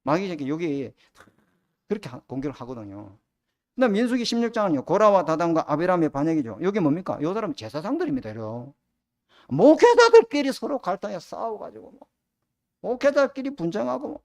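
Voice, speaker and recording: A middle-aged man preaching a sermon as pastor, often asking the congregation rhetorical questions. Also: sits high.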